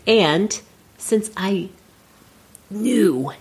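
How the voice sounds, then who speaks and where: A woman's voice: medium pitch, lively intonation, drawn-out words, breathy edge. A woman hosting a casual podcast in playful, teasing banter, her voice congested and stuffy from a cold. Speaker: podcast host.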